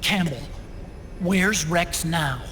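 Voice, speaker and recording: Otacon, high-voiced anxious tech expert. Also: male voice, drawn-out words, sharp tone, a little hiss or hum, exaggerated voice. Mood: alert, concerned. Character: anxious, intellectual male tech-expert sidekick. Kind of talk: video game cutscene dialogue.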